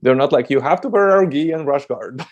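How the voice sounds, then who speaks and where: A man's voice: on the high side, lively intonation, a little fast, dull audio. A man from Latvia, a dating coach guest on a podcast, talking in a chatty way with frequent laughs and many restarts. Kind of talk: casual podcast chat.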